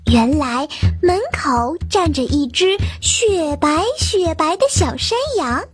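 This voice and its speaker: Woman storyteller for kids, high lively voice, gentle music bed. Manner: expressive, sing-song storytelling. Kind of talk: children's story narration. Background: children's music.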